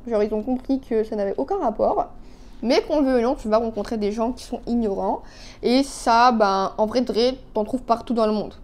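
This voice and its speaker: A woman in her twenties talks through her makeup in a loose, chatty way, scattering fillers and asides. Her voice sits a little high but sounds soft and mellow. It is recorded on a phone. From Canada. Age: 20s. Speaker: beauty vlogger. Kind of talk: casual chat while doing makeup.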